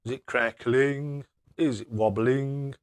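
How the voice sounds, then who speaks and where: A man's voice: mid-range voice, fairly even intonation, takes it slowly, smooth. A man chatting casually on a live stream as he plays darts, matey and self-deprecating.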